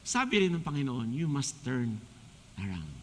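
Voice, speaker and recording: A man with a Filipino accent preaching a sermon as a deacon, joking and animated, slipping English phrases into his talk. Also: medium pitch, moderate pace. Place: church hall. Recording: long church hall reverb.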